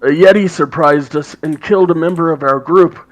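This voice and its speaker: A man voicing a stocky female dwarf survivor with a raspy old-hag croak, pleading earnestly in a tabletop game. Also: on the high side, brisk, voice pushed up, close to an everyday voice, low-quality recording.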